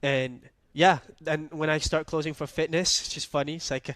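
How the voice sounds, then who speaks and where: A man's voice: fairly high pitch, steady tone, normal speed, fairly bright tone, dry recording. Young man from Malaysia, storytelling host. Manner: storytelling, laid-back, peppered with "like" and "right?". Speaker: podcast host. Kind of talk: casual podcast chat.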